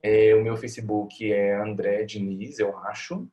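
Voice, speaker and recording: Low-voiced Brazilian man, reflective. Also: flat delivery, unhurried, mellow, muffled recording. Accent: Brazilian Portuguese. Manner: reflective, frequent tag questions. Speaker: family doctor, interview guest. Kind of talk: conversational interview answers.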